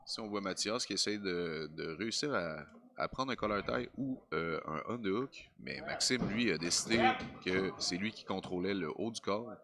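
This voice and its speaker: A man's voice: low-pitched, lively intonation, normal speed, hardly any pauses, background noise. A man with a Quebec French accent giving analytical live grappling commentary in a colloquial, explanatory way. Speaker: combat sports commentator.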